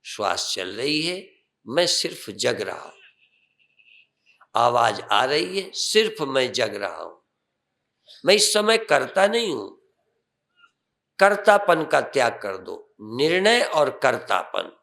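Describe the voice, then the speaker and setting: An older swami guides listeners through meditation in an unhurried, calm voice. His delivery is slow, and a gravelly fry runs through his tone. He lifts certain phrases for emphasis. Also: mid-range voice.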